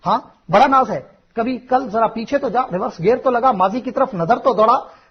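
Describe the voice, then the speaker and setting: A man delivers a fiery sermon in a husky, breathy voice that sits high for a man. He hammers on repeated phrases and swings from near-whispers to shouts. The recording sounds dull and lo-fi. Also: moderate pace. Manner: impassioned, swinging from hushed to shouting; repetitive, rhetorical. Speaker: preacher.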